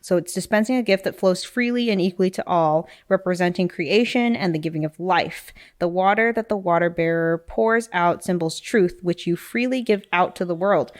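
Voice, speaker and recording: A woman with a somewhat low voice co-hosts a casual podcast. She reads astrology passages aloud, then stops to muse on them, dropping in plenty of fillers like "um" and "like.". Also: normal speed, hardly any pauses. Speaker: podcast co-host. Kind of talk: casual chat, reading aloud from an astrology book.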